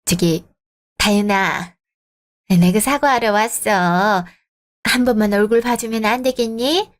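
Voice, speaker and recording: A woman's voice: medium pitch, unhurried, natural voice. A woman voicing a pushy, scheming middle-aged mother-in-law in a scripted radio drama, wheedling and self-justifying. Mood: pleading.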